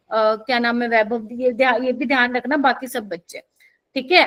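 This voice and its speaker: A woman's voice: high voice, fairly bright tone, low-quality recording. A young woman teaching a live chemistry exam-prep class in Hindi mixed with English terms, quizzing students and often checking that they follow.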